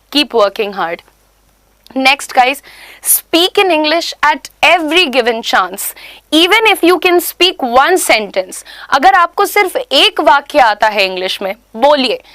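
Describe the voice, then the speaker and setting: A young Indian-accented woman teaches a spoken English class in a high, unhurried voice. She talks emphatically and repeats key points. The sound is close and dry. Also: a bit bright, dry recording. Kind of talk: online class lecture in mixed Hindi and English.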